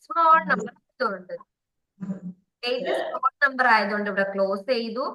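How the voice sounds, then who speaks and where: A woman's voice: a little high, lively intonation, moderate pace, pushed and bright, roomy sound, low-quality recording. A woman from Kerala teaching a kindergarten maths class online, patiently coaxing and repeating questions for the children.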